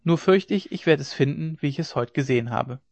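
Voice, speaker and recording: A man reading the part of a stern, worried middle-aged dike reeve in a grave, measured voice. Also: a little high, no echo. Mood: weary. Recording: dry, dull lo-fi recording.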